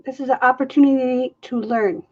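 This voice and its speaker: A woman whose voice sits high talks a little fast with a steady tone, though the audio is dull. She's running a casual fluid art livestream from her studio, camera above the table, chatting, laughing often, and joking at her own expense.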